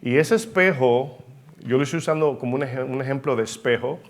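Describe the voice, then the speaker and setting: A man's voice: mid-range voice, brisk. Emphatic male preacher. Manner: emphatic preaching with rhetorical questions, varied pace. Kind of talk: sermon.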